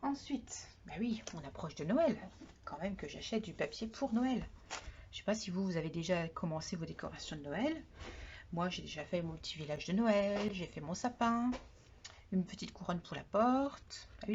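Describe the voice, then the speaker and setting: A soft-spoken woman demonstrating craft supplies in a chatty product haul vlog, often trailing off quietly, on a dull lo-fi recording with faint noise. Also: fairly low pitch, expressive, moderate pace. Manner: chatty, repeats "voilà" often. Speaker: craft vlogger.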